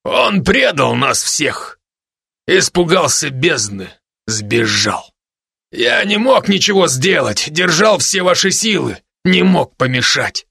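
A man's voice: on the high side, creaky, bright, forceful tone, slightly rough, no room sound, full character voice. A man voicing a toy tiger prince who leads the other toys with urgent, pleading calls, in a dry storybook reading. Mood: bitter.

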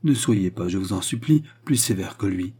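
A man's voice: deep voice, expressive, normal speed, warm tone, breathy edge. A man reading a stiff, sorrowful young woman turned nun in an audiobook, answering with restrained formality. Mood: mournful.

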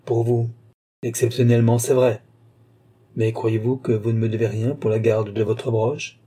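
A man's voice: mid-range voice, little pitch movement, normal speed, warm tone, husky, natural voice. A man reading a cold, greedy woman doctor. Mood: coldly wheedling. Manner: coolly condescending, calls her "ma petite". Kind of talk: audiobook character reading.

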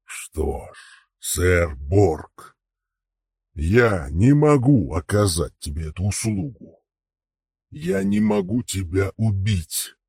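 A man voicing a huge, weary old male dragon, speaking slowly and aloofly in a husky voice for an audiobook. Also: very animated, a little mellow, dry recording, clean studio sound, full character voice. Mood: grave. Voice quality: husky, deep and distant timbre. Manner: slow, questioning, aloof. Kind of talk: audiobook character voice.

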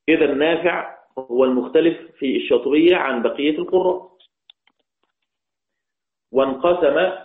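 Sheikh teaching over a tinny line. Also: male voice, fairly high pitch. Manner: explains step by step, quizzing students. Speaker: Quran recitation teacher. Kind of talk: online class explanation. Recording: tinny phone-like line, echoey room.

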